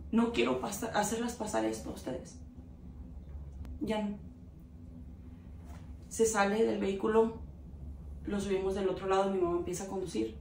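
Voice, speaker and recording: A woman's voice: medium pitch, darkish tone. Woman interviewee, emotional testimony, speaks earnestly to the listener, roomy far-off mic with light background noise. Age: adult. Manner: earnest, heartfelt, often addresses the listener directly. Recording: roomy echo, mic at a distance, faint background hiss.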